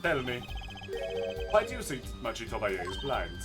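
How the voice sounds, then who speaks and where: A man doing a smug, silky young prosecutor from a courtroom game, pitched a touch low. He drawls with a rock star's easy confidence over faint game music. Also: wildly swooping pitch, moderate pace. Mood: probing. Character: suave young male rock-star prosecutor.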